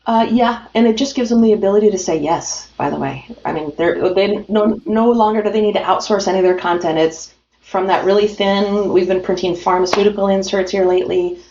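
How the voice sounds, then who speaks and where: An American woman from a printing company joins a remote business interview as an industry guest, sounding upbeat and promotional with plenty of fillers. Her voice is medium-pitched, warm and a little fast. The audio is roomy and dull, with faint music underneath.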